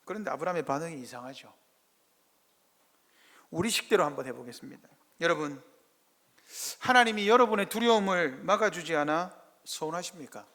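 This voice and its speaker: A pastor, preaching a sermon in a church sanctuary and firing rhetorical questions at the congregation. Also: male voice, on the high side, lively intonation, brisk, pauses often, sharp tone. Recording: echoey church hall.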